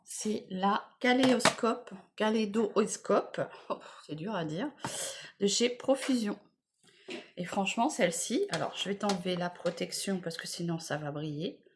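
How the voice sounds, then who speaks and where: A woman in casual vlog chat, enthusiastically presenting gifts to her viewers, repeating words and filling pauses as she goes. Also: mid-range voice, lively intonation, darkish tone, a little hiss or hum. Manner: chatty, enthusiastic, many fillers and repeated words. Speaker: beauty vlogger. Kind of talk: casual unboxing chat to camera.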